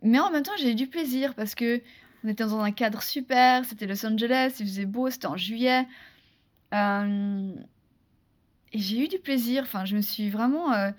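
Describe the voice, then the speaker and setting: A woman from France, a guest in a casual interview, telling a story in a lively, chatty way with many restarts and fillers. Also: on the high side, normal speed. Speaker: interview guest, former beauty pageant contestant.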